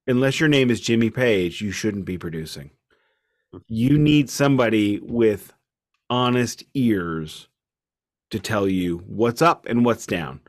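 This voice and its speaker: A man with a fairly low voice co-hosts a music podcast, reviewing albums casually in an opinionated, emphatic and sometimes mock-formal way.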